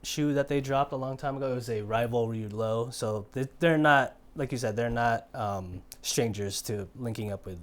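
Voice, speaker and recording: A man's voice: medium pitch, moderate pace, few pauses. Upbeat, enthusiastic male podcast co-host. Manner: upbeat, enthusiastic, says "man" and "bro". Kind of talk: casual chat.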